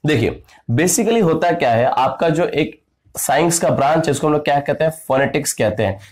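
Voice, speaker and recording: A male teacher giving an exam-prep grammar lesson, lively, asking questions and answering them himself, calling his students "sarkar". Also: fairly high pitch, moderate pace. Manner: acts out classroom anecdotes.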